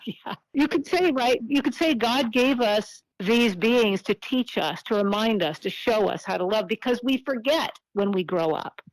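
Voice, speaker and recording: A woman's voice: on the high side, animated, normal speed, few pauses. A woman from the United States, a guest in an interview, speaking over an old flip phone call. She talks in an earnest, reflective way, often restarting her sentences. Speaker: interview guest, author and activist. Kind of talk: casual interview conversation.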